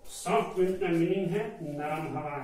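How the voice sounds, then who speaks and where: A man teaching an online English class, spelling each word letter by letter and repeating it slowly. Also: a little high, steady tone, a little mellow. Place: classroom with a board. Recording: echoey room, from far off, faint hiss.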